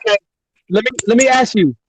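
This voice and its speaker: A man's voice: extremely high pitch, huge pitch swings, quick pace, slight background noise. A man on a video call with a breaking-up connection, insistently repeating his questions in a casual sports debate. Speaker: panelist.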